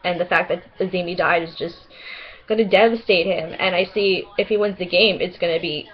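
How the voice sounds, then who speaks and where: A young woman with a New York accent, rambling excitedly and swearing casually in a casual vlog. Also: on the low side, fairly quick, muffled recording. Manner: chatty, excitable, swears casually, laughs often. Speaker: vlogger.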